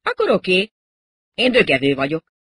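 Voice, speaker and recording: A reader voicing a huge, brash male rock musician who talks loudly and breezily, with a husky tone. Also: mid-range voice, huge pitch swings, pitched above the performer's own voice, exaggerated voice.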